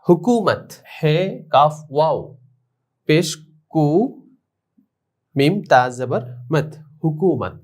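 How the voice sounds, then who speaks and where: A man teaching an online language lesson, spelling out words letter by letter and explaining pronunciation to his students. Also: on the high side. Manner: spells out letters slowly, syllable by syllable; addresses students directly, explanatory.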